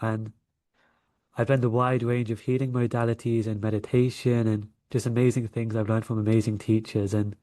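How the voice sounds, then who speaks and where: Mellow and mid-range, the voice belongs to a man from London with a local English accent. Appearing as an interview guest, the coach and energy healer recounts stories in a chatty manner.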